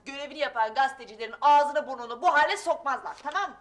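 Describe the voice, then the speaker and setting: A young actress playing a witty, kind-hearted, well-read daughter in a sitcom, who argues earnestly and on principle. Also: female voice, high-pitched, racing, far from the mic, lightly acted. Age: young adult. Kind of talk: sitcom acting.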